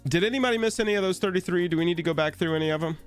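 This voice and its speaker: A young man co-hosts a card game live stream, racing along in a high, clear, resonant voice with faint music behind. He's jokey and playful, slipping into silly voices during casual chat and a sponsor read.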